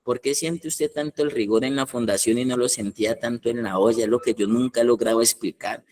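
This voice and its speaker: A man's voice: medium pitch, fairly even intonation, fairly quick, darkish tone. A man preaching a colloquial, emphatic sermon as head of a rehab foundation, hammering points through repetition.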